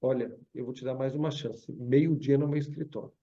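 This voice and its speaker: A man's voice: medium pitch, fairly even intonation, normal speed, pitched below the performer's own voice, natural voice. A man voicing a stern, impatient millionaire who scolds curtly, heard over a video call. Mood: irritated. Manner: curt and scolding, then shouting. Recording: dull lo-fi video call audio.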